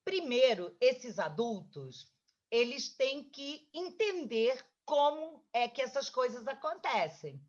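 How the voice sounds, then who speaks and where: A woman, a children's author, tells a story to a child in a lively, coaxing way. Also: sits high, takes it slowly. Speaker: children's book author, guest. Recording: dull lo-fi recording.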